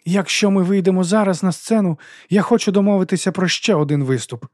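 A young guitarist lost in a trance, played by a male reader, his voice lifted higher than the reader's own. He talks slowly and steadily, dreamy yet unshakable. Dry, close audiobook sound. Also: a little mellow, no room sound, natural voice.

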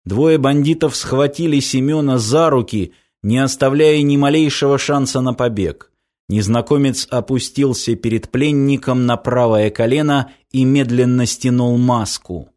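A man narrating a dark action story in a measured, even scripted reading. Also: medium pitch. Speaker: audiobook narrator.

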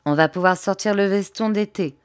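A woman's voice: medium pitch, normal speed, smooth, no echo, studio quality, natural voice. A woman reading aloud voices a mocking, joking male Parisian reporter in an audiobook. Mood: jaunty, alarmed. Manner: mocking, jaunty banter.

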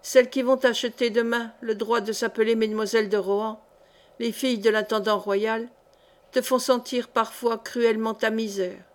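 A woman's voice: on the high side, fairly even intonation, moderate pace, close to an everyday voice. A woman reading aloud as an old female miller who tells fortunes, commanding and solemn.

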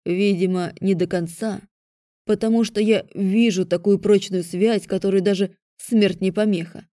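A woman's voice: mid-range voice, steady tone, moderate pace, mellow, no room sound, clean studio sound, close to an everyday voice. A woman voicing a weary, stern male dragon rector at a magic academy, who speaks in a tired, lecturing way. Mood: instructive.

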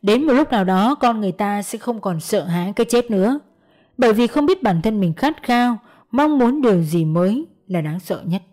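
Calm woman audiobook narrator, dark tone. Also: mid-range voice. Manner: calm, measured storytelling.

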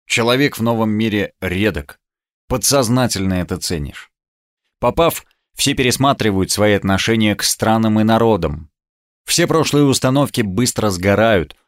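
A man reading a first-person audiobook in a reflective, measured storytelling manner. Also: fairly low pitch, no echo, studio quality. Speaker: audiobook narrator.

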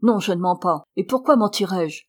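A woman's voice: medium pitch, lively intonation, normal speed, close to an everyday voice. A woman reading the part of a sly village man who keeps insisting and needling. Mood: insistent.

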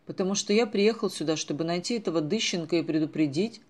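A man voicing a timid teenage boy on holiday, talking quickly and nervously. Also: sits high.

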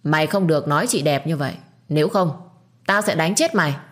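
A woman's voice: deep voice, fairly quick, close to an everyday voice. A woman doing a blunt, hot-tempered simple young man. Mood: angry. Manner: blunt, shouting outbursts.

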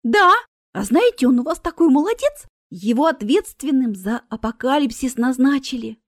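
A woman's voice: very high voice, sing-song, brisk, sharp tone, dry recording, clean studio sound, voice pushed up, exaggerated voice. A woman doing a cheerful, naive young girl. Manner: eager, cheerful.

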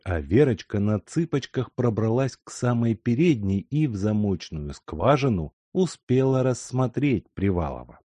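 A man narrating a novel as an audiobook in an expressive reading voice. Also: fairly low pitch, no echo. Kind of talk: scripted narration.

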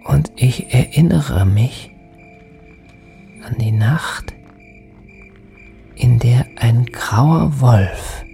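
In a poetic radio drama, an actor with a mid-range voice plays a sorrowful, bewildered lost soul, speaking in hushed, halting fragments and often whispering.

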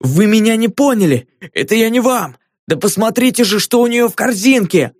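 A male audiobook narrator voicing a fat, grumpy and quick-tempered gatekeeper. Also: a little high, a little mellow, dry recording, clean studio sound, natural voice. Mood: indignant, blustering. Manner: grumbling, indignant, blustering.

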